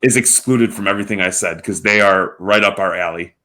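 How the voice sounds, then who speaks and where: Male podcast co-host, lowish voice, loose swearing banter. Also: brisk, sharp tone. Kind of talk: casual chat.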